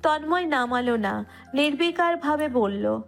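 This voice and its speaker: A woman with a high voice narrates a scripted romantic story. Soft music plays behind her reading. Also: animated, measured pace, creaky.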